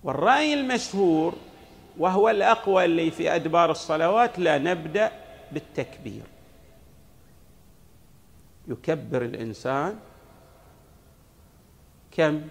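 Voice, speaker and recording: Gravelly-voiced preacher. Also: male voice, on the high side. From Saudi Arabia. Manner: didactic, asks questions and answers them himself, demonstrates recitations. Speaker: cleric giving a religious lecture. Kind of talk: sermon. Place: mosque.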